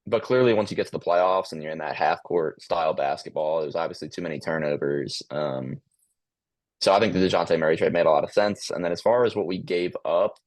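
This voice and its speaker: Monotone man on a sports podcast. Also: low voice, a little fast, no echo. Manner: hesitant, many ums and restarts. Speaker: podcast co-host. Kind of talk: casual sports chat.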